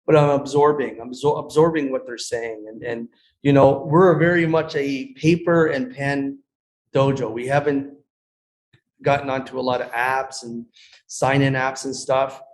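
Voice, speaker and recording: A man talking sincerely as a guest, often restarting his sentences. His voice sits at a middling pitch, with a plain video-call sound. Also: steady tone. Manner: earnest, halting, many restarts. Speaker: guest, karate school owner. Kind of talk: casual interview chat.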